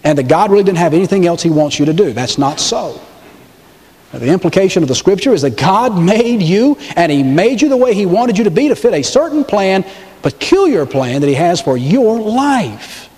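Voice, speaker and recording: A middle-aged man from the American South preaching a sermon as pastor, animated and acting out the voices he quotes. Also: long reverb tail. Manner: animated, acts out quoted voices with pitch swings.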